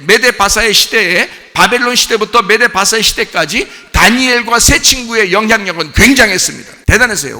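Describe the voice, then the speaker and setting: A male pastor delivers a lively sermon in a bright, high voice that swoops up and down. He acts out quoted friends now and then in a lower voice. The sound carries a long reverb from a church hall. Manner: animated preaching, acts out quoted friends in a low voice. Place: church sanctuary.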